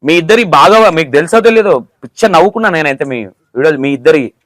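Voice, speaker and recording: Man, Telangana accent, interviewer, quick talk, fairly high voice, teasing tone, dry close sound. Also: expressive, fairly bright tone, dry recording. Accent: Telangana Telugu. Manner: teasing, playful questioning. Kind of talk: casual interview.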